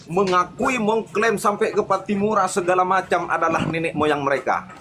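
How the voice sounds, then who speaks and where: A man's voice: sits high, steady tone, normal speed, over music. A man who is a guest in a heated debate, talking in an indignant, exasperated way.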